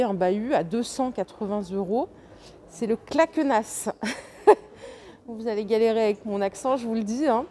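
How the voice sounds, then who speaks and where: A woman talks her viewers through a big furniture store in a casual, enthusiastic vlog. Her voice sits a little high and sounds mellow rather than bright. A faint hum of store ambience runs underneath. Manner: chatty, enthusiastic, lists prices and sizes with fillers. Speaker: shopping vlogger. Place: inside a large furniture store.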